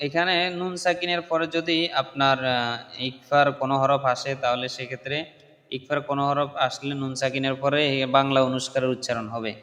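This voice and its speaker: A man teaching a prayer recitation, who chants the Arabic slowly and explains pronunciation errors quickly. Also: medium pitch, steady tone, fairly bright tone, long reverb tail. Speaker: religious teacher. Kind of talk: recitation lesson.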